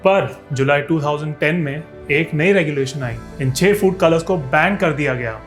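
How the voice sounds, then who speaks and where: A man's voice: on the high side, moderate pace, faint music behind. A man, a fitness YouTuber, narrating a scripted explainer. He speaks to his viewers, often asks rhetorical questions and adds sarcastic asides.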